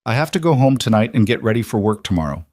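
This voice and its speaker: Storybook role: a man playing a gentle, hesitant rich woman, lowish voice, dry close sound. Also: big pitch swings, fast talker, dry recording. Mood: tender.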